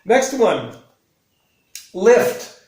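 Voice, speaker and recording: A man's voice: high-pitched, very animated, very slow, darkish tone, roomy sound, low-quality recording. A man hosting a casual chat as an English teacher, curious and asking follow-up questions. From United States. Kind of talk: casual conversation.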